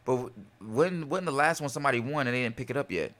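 A young man from North Carolina co-hosting a casual podcast, talking in relaxed slang and getting loud and laughing when he's excited. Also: medium pitch, quick pace. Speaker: podcast co-host. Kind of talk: casual chat.

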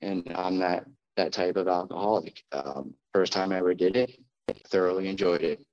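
An American man from New Jersey giving a plainspoken, halting personal testimony in front of an audience at a recovery meeting. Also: low voice, highs cut off. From New Jersey, United States. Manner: addressing a live group, plainspoken, halting.

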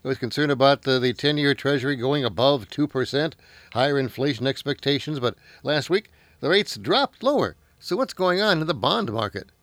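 A man's voice: mid-range voice, animated, moderate pace, fairly bright tone, no room sound. Male radio host in a dry studio sound. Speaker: host of a live financial radio show. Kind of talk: radio hosting, announcing and interviewing.

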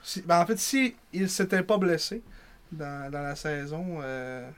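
A man's voice: on the high side, a little slow, clear, resonant tone. A man with a Quebec French accent co-hosting a podcast in casual, joking, hesitant conversation. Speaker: podcast co-host. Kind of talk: casual chat.

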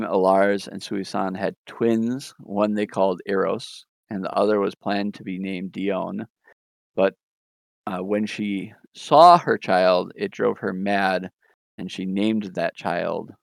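Male podcast host, low and gravelly, casual recap delivery with ums, dry close mic. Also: slow pace, dry recording. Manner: relaxed retelling with frequent ums and chuckles. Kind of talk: casual comic book recap.

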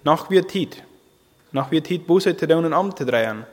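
Halting preacher man in a reverberant hall. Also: fairly high pitch, lively intonation. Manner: halting, repeats and restarts phrases. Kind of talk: sermon.

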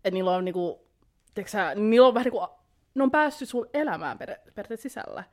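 A woman's voice: medium pitch, lively intonation. A young woman co-hosting a casual podcast, thinking aloud in a reflective way with lots of filler words. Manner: reflective, many fillers like niinku and tiiäksä. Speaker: podcast co-host.

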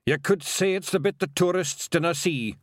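A man's voice: fairly high pitch, moderate pace, no echo, studio quality, pitched above the performer's own voice, lightly acted. A man voicing a boastful little male pixie chieftain with a Scottish accent. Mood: gruff.

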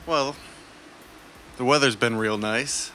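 A man guesting on a casual podcast, making dry, low-key asides. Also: slow pace, bright, forceful tone, a little hiss or hum. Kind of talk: casual chat.

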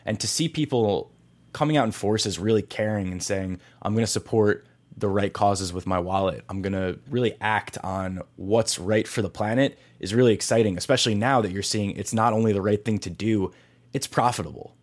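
Speaking at a moderate pace in a lowish voice, a male podcast host narrates introductions to interviews. He talks with guests in a friendly, enthusiastic, conversational way.

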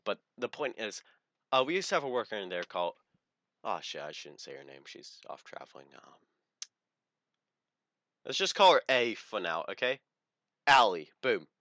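A man's voice: lowish voice, big pitch swings, moderate pace, long pauses, sharp tone, no echo. A young man co-hosting a casual chat show, brash and crude, laughing often as he tells stories. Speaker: podcast co-host.

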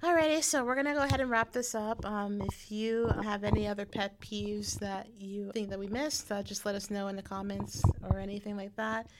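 A woman co-hosting a casual podcast, chatting in a relaxed way about working as a server. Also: mid-range voice, brisk, hardly any pauses, background noise. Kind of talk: casual chat.

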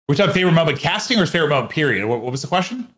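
An esports commentator co-hosts a podcast, talking casually and bluntly with plenty of swearing and colloquial phrasing. His voice is a little high, fairly bright and sing-song, and he races along.

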